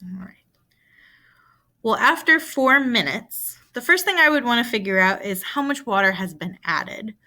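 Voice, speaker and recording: Bright-voiced woman teaching a math lesson. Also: on the high side, animated, moderate pace. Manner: patient, asks and answers her own questions. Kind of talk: recorded video lesson.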